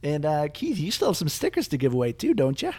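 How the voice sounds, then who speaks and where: A young man hosting a casual gaming podcast, chatty and quick to laugh, with plenty of filler words. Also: on the high side, wildly swooping pitch, mellow. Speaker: podcast host.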